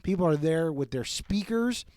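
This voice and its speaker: Male podcast co-host, profane ranter, slightly high and lively, dry close mic. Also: moderate pace, no echo. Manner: profane, ranting, animated. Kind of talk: casual podcast chat.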